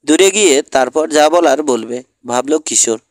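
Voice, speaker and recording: A man narrating an audiobook in a steady storytelling manner. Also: fairly high pitch, normal speed, no room sound, clean studio sound. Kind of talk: scripted narration.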